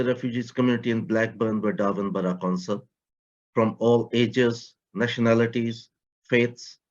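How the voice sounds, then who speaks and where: A man from Pakistan, giving a prepared talk on a video call about a community project, in measured, slightly English. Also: medium pitch. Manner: measured, slightly non-native grammar. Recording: muffled online call audio.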